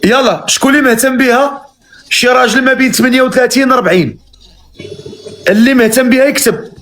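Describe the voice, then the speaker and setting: A man with a Moroccan Arabic accent hosts a live matchmaking stream, briskly calling on viewers and steering each caller. His voice sits high and his talk runs fast, with faint noise in the background. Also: fairly bright tone. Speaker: live matchmaking show host. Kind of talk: casual live-stream hosting.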